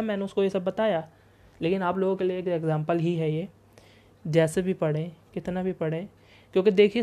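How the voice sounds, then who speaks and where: Young man giving mellow, casual advice. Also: high voice. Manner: poses rhetorical questions and answers them himself; mixes English words into his Hindi. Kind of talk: casual motivational talk.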